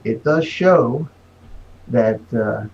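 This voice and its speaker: A man hosting a casual livestream chat, his voice hollow and boomy as if he were inside a barrel because a webcam mic picks him up from across the room. He rambles and fumbles with his gear. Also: expressive, extremely slow, gravelly, lo-fi sound. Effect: hollow, boomy sound as if inside a barrel. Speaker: livestream show host. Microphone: webcam microphone picking him up from across the room.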